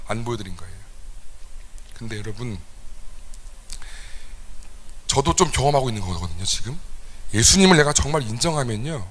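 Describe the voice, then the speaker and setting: A young adult man preaching a confessional sermon to a youth service, moving from quiet asides to sudden loud outbursts, recorded in a church sanctuary. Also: a little high. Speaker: youth pastor. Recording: church hall with long reverb.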